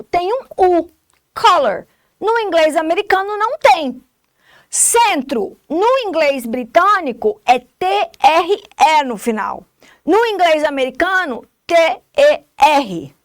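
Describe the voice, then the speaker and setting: A woman's voice: high-pitched, no room sound, studio quality. A woman with a Brazilian Portuguese accent teaching an English lesson, explaining step by step and often checking that students follow. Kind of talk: recorded classroom lesson.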